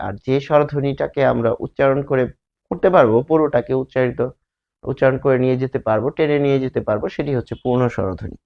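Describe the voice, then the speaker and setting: A man teaching a grammar lesson, explaining slowly and repeating words while drawing out their sounds. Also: mid-range voice, creaky, dull audio.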